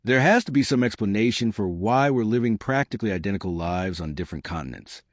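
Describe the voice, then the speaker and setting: A man's voice: fairly low pitch, lively intonation, fast talker, dry recording, clean studio sound, natural voice. A man reading the lines of an incredulous young British woman.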